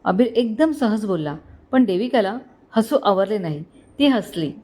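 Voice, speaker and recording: A woman's voice: medium pitch, lively intonation, a little slow, darkish tone. A woman with a Marathi accent narrating a love story, reading every character's lines in her own voice with small shifts. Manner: reads all characters in one voice with small shifts.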